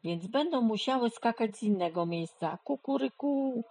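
A woman's voice: animated, normal speed, dark tone, slightly rough. A woman voicing a boastful, hot-headed male rooster in a children's storybook. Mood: indignant. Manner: boastful, shrill.

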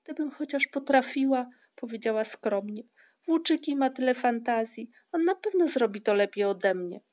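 A woman reading the part of Moominmamma, a gentle, modest mother troll, in a storybook. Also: fairly high pitch, animated, moderate pace, voice pushed up, natural voice. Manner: gentle, soft-spoken. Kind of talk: audiobook character reading.

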